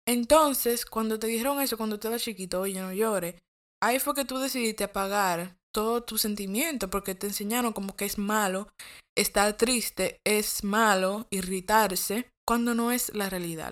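A woman talks straight to her podcast listeners, giving casual, motivational advice. She speaks in a mid-range voice and often repeats words as she restarts a thought. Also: mid-range voice. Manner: casual, direct advice with self-corrections and repetition. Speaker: podcast host.

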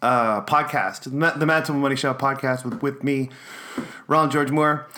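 A man's voice: medium pitch, steady tone, normal speed, bright, forceful tone. Rambling Canadian podcast host man. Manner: rambling, filler-heavy, jokey. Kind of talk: casual chat.

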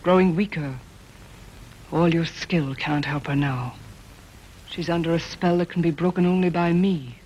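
An actress playing a hypnotic, imperious female vampire in an old horror film, slow and theatrical. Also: on the low side, darkish tone, close to an everyday voice. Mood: cold, imperious. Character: vampire countess, Dracula's daughter, hypnotic, imperious menace. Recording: dull noisy old film soundtrack.

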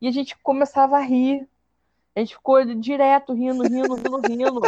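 A woman with a slightly high voice, a guest on a relaxed podcast chat. She teases the host and talks through shared memories. The recording is dull and lo-fi, and it sounds dry and close. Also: moderate pace, no echo. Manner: laughing, teasing recollection.

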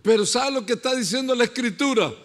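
A pastor preaching a sermon and telling stories, dropping to a hush and then building to shouts. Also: male voice, very high voice, fast talker. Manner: storytelling, swinging from hushed to shouting.

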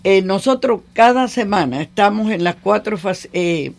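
A woman's voice: medium pitch, lively intonation, normal speed, creaky. A woman being interviewed as a guest, talking off the cuff in Spanglish, dropping English words into her Spanish. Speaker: interview guest, community aid worker. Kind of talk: unscripted radio interview.

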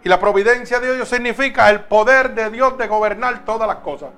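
Emphatic male preacher with a high voice, faint guitar underneath. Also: brisk. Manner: emphatic, swings between loud and soft. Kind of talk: sermon.

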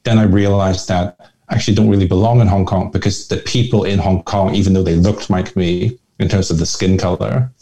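A deep, mellow-toned man from Northern Ireland speaks as a guest in a conversational interview. He is middle-aged and reflective, and he wanders through his thoughts with frequent restarts. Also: steady tone, a little fast. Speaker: guest, family office chairman.

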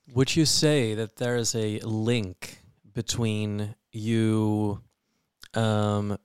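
A man interviewing a guest, asking questions in a measured, gently probing way. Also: on the low side, smooth, no room sound, studio quality.

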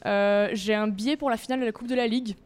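A woman's voice: fairly high pitch, steady tone, fast, a little mellow, smooth. Playful young woman from Strasbourg. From Strasbourg, France. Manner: playful, joking. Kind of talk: audience question at live talk. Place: bar with audience.

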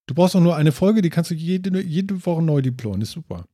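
A man's voice: a little high, animated, a little fast, mellow, no echo, clean studio sound. A man hosting a casual podcast chat, rambling and joking loosely. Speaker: podcast host.

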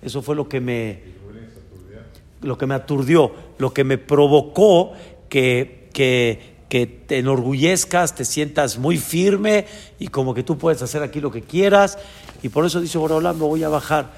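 A man with a Mexican accent, a rabbi giving a Torah lesson in a lively way, acting out people's thoughts and chuckling as he explains. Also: on the high side, a little slow. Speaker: rabbi teaching a class. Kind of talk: Torah lesson on a biblical book. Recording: long hall reverb.

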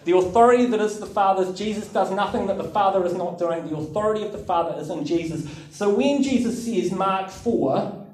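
A man's voice: high-pitched, a little fast, hardly any pauses, a little mellow. A man preaching a sermon, telling a personal story in a chatty, self-mocking way with lots of fillers. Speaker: pastor. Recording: echoey hall, distant mic.

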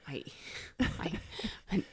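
A woman's voice: no echo, studio quality. A young woman chatting casually as a podcast host, informal and reactive, mixing in English phrases. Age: young adult. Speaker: podcast host interviewing her mother. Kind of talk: casual chat.

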